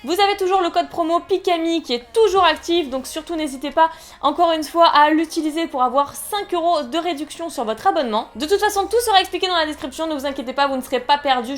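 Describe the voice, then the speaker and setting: A young woman chatting casually through an unboxing, rambling and giggly, poking fun at herself. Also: high voice. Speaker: unboxing vlogger.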